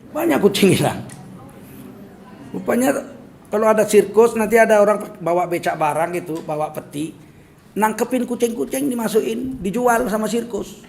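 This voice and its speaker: A man's voice: high-pitched, normal speed, vocal fry, slight background noise. A middle-aged man from Medan with a Medan accent, giving a humorous sermon and acting out little scenes as he talks. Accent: Medan Indonesian. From Medan, North Sumatra. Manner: joking and animated, acting out little scenes in asides. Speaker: preacher.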